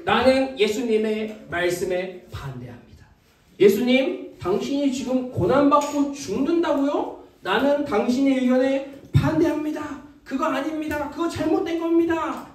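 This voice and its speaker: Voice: mid-range voice, fast, warm tone, natural voice. A preacher playing Peter, a rebuking disciple. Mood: protesting. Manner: pleading, rebuking. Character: the apostle Peter, an adult man scolding Jesus urgently. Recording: very echoey hall, distant mic.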